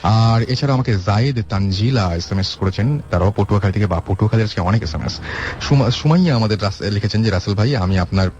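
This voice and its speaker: Deep fast-talking radio host. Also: male voice, darkish tone, a little hiss or hum. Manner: brisk, reads listener messages aloud. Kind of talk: late-night radio call-in hosting. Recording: dull lo-fi radio broadcast.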